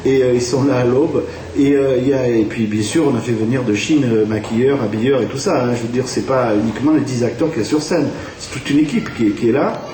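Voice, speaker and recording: This radio interview features a French theatre director talking fast in a warm, mid-range voice, with lots of fillers and restarts. French is his first language, and the audio is distant and echoey, with a faint hiss.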